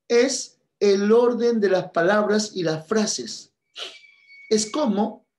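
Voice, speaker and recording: A man's voice: high-pitched, darkish tone. A man teaching a church class, earnest and repeating his key points, speaking to listeners as brothers and sisters.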